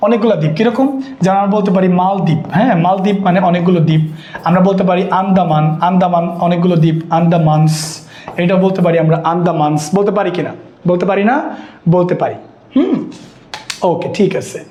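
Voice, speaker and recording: A man's voice: high voice, fast, echoey room, muffled recording. A man teaching a live online exam-prep class, who repeats himself and keeps quizzing his students. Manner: repetitive, questioning students constantly. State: sweaty and worn out.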